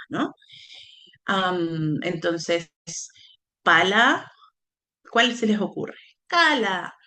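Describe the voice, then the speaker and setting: A Chilean woman with a mid-range voice and some vocal fry lectures on teaching language in early childhood. It's a recorded teacher-training workshop, and she frequently checks in with her listeners as she talks.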